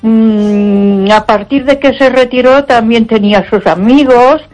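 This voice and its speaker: Calling a radio show for an informal chat, an older Barcelona woman speaks unhurriedly in a slightly high, slightly mellow voice. The audio is poor though free of room sound, and she talks emphatically and repetitively, with frequent "ay" exclamations.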